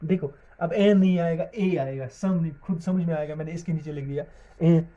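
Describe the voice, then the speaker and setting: A man teaching English grammar, his voice sitting a little high but very dark and mellow in tone. He spells words out letter by letter and quizzes his class, then answers for them. The recording sounds dull and lo-fi. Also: normal speed. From Jammu and Kashmir. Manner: repeats questions to the class and answers them himself. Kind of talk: classroom-style video lesson.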